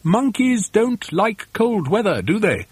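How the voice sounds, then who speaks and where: A man's voice: high voice, sing-song, slow, breathy edge, dry recording, pitched above the performer's own voice, heavily acted. A man voicing a plump, friendly, know-all bird in a storybook reading, explaining things in a matter-of-fact, reassuring way. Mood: cautioning.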